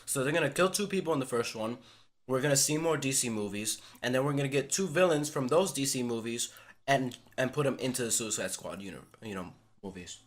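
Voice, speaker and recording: A man's voice: medium pitch, expressive, brisk. A man co-hosting a casual podcast, eagerly leading topics and recapping episodes. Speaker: podcast co-host. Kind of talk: casual chat.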